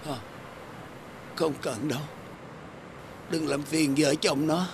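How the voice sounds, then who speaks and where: A frail old grandfather talks in a slow, gravelly rasp, his voice pitched a little high and thin. He sounds set back from the microphone, and film music plays behind him. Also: fairly even intonation, background noise. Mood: weak, pained. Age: older. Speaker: elderly grandfather.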